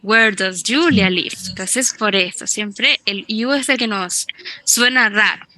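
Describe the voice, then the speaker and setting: A woman teaching an online English class, who explains in Spanish and slowly repeats English phrases to model their pronunciation. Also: mid-range voice, sharp tone.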